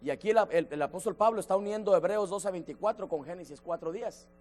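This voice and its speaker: A man leading a church Bible study, emphatic, slowing down to stress key words and addressing listeners by name. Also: sits high, a little mellow, faint music behind. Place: church sanctuary.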